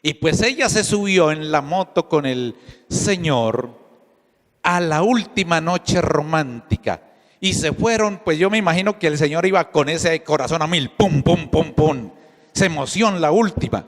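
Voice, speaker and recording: High-voiced priest preaching in a hall. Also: male voice, expressive, normal speed. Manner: storytelling preacher, addresses listeners as brothers. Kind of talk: sermon.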